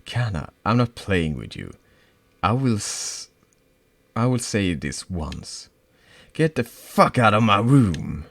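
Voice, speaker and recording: A hurt, frightened schoolgirl in a role-playing game, voiced by a man. She stammers, pleads and breaks into shouts. The voice is strained upward from a very low, gravelly base and moves slowly. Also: big pitch swings, no room sound, heavily acted. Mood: distressed.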